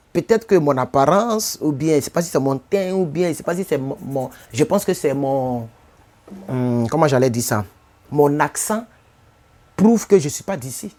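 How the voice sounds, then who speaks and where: A man's voice: a little high, warm tone. A man from Côte d'Ivoire with an Ivorian French accent, speaking casually in a live stream. He repeats himself often and keeps asking his viewers whether they follow him. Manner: repetitive, addresses viewers with rhetorical questions.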